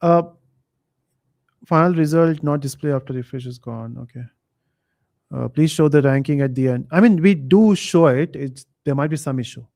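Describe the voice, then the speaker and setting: A man's voice: fairly high pitch, moderate pace. Man hosting a live quiz. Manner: reads chat comments aloud, thinks out loud with fillers. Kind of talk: casual live stream chat.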